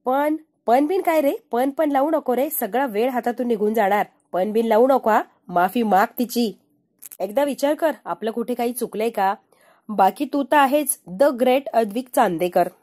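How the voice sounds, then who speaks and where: Brief: woman doing a man's own inner voice, needling and lecturing, dark, slightly high tone. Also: moderate pace, lightly acted. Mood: scolding.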